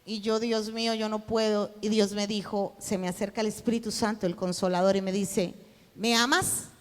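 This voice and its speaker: A woman preaching, telling a personal testimony and acting out the dialogue in it, at times rising to a shout. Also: medium pitch, flat delivery, brisk, big-room sound. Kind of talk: sermon testimony.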